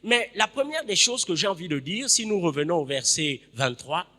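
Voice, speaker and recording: A man preaching a sermon in a church, emphatic, repeating his phrases and breaking into sudden loud bursts. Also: high-pitched, sing-song, moderate pace, in a large hall.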